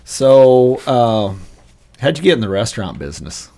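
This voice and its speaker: A man's voice: mid-range voice, sing-song, normal speed, dark tone. A man hosting a conversational podcast interview, asking questions and giving frequent encouraging affirmations. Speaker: insurance agent, podcast host.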